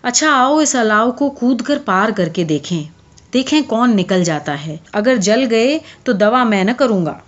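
Here a woman puts on a weary peasant farmer in a spoken story, a man worn down by cold and work. He grumbles low and only raises his voice to shout. The audio is dull and lo-fi. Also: animated, lightly acted. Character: worn-out poor male farmer on a cold night.

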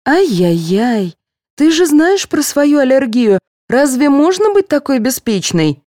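Woman playing a fussing head nurse, high sing-song voice, lively, mellow, audiobook reading. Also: normal speed, no room sound, studio quality. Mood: scolding. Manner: coaxing, scolding gently. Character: kindly fussing adult female head nurse.

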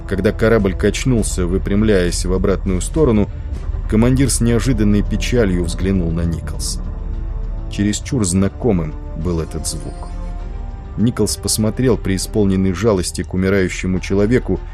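Male narrator, low mellow voice, steady measured audiobook reading. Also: soft background music. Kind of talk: scripted narration.

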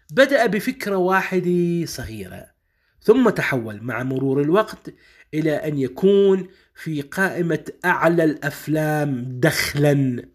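A man with a Syrian Arabic accent gives an explanatory talk with a slightly high voice. He goes over each point more than once and turns often to the listener to keep their attention. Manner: explains slowly, repeats points, addresses the listener directly. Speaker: founder of a publishing house, presenter.

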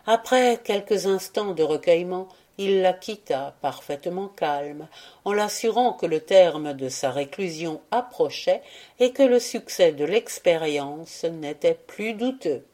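A woman narrates a classic story for an audiobook in a steady, measured way. Her voice sits on the low side, mellow and warm rather than bright. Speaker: audiobook reader. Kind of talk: scripted narration of a classic tale.

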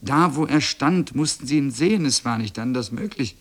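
A man reading a children's classic aloud on radio in a calm, measured storytelling voice. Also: mid-range voice. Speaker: reader.

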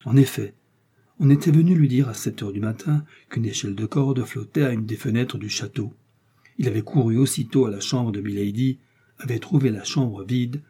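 This is a male audiobook narrator reading a historical novel in a measured, dramatic way. His voice is mellow and dark with a husky grain, at a middle pitch.

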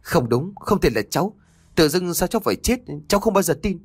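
Narrator voicing a desperate young man, lively pitch, close dry sound. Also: fast, dry recording, natural voice.

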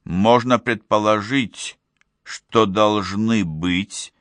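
A man's voice: on the low side, very slow, a bit bright, dry recording. A man reading the part of an earnest, insistent young man in an audiobook, pressing his case with urgent pleading. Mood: reasoning.

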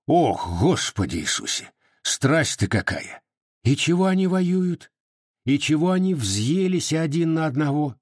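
A nosy old village widow grumbles and teases in a raised, husky voice, as a male reader puts her on. Her folksy speech is dry and close, mocking more than warm. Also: a little high, very animated, measured pace, no echo, voice pushed up. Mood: scolding mockery. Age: over 60. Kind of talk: audiobook character voicing.

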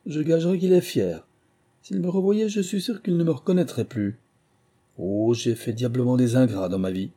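A man voicing a boastful, jovial middle-aged recruiting officer who talks loudly and coaxingly. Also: medium pitch, normal speed, slightly rough, pitched above the performer's own voice, lightly acted. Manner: loud, expansive, coaxing.

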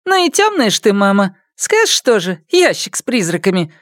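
A man's voice: sits high, wildly swooping pitch, moderate pace, a bit bright, no echo, studio quality, voice pushed up, exaggerated voice. A man voicing a jeering, insulting young woman.

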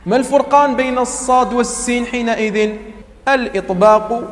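A man teaching tajweed to a class. He repeats key terms, quizzes his students and recites Quranic words slowly as examples. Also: very high-pitched, long reverb tail, a little hiss or hum. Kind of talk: classroom lecture.

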